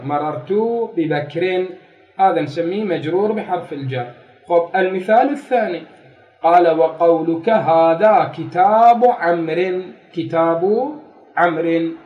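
A man lectures on grammar in a fairly high voice, moving step by step through a text. He repeats key phrases and poses rhetorical questions to the class. The sound is roomy and echoey, picked up from a distance. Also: dull audio. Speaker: grammar teacher.

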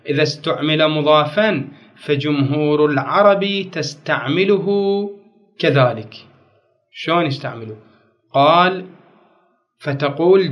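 A man giving a grammar lesson, asking the class questions and answering them himself. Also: a little high. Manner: slows down and spells out word patterns. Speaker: grammar teacher. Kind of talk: classroom lecture on Arabic morphology. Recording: dull lo-fi recording.

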